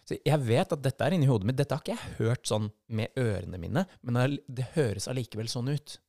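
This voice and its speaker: A Norwegian man on a podcast microphone tells a story in a lively, unscripted way, slipping into the voices of the people he describes. His voice sits at an ordinary middle pitch for a man. The recording is close and dry, with no room sound. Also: no room sound. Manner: vivid, acts out quoted voices in his story. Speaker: podcast co-host.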